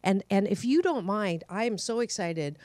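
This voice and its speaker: A bubbly middle-aged woman hosts a casual talk show, gushing over her guest and laughing often. Her pitch sits in a middle range, and the recording is dry and close-miked. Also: expressive, moderate pace, a little mellow, dry recording. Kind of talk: casual interview chat.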